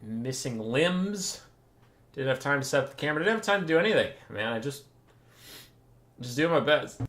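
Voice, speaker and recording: Speaking at a normal speed in a medium-pitched, slightly bright, animated voice, a stream host and tournament caster rambles through casual pre-cast livestream chat. He's wry and self-mocking, swears offhandedly, and uses a desk mic with the camera off.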